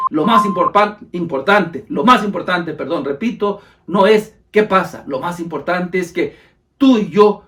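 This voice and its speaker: Male preacher with a raised pitch, fervent and repetitive, speaking as if to a brother. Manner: fervent, repeats phrases for emphasis, addresses listener as brother.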